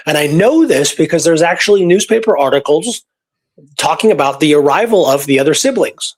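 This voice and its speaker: Fairly quick and lively in intonation, a man with a voice on the high side hosts a podcast. He talks about history casually and explanatorily, repeating points for emphasis.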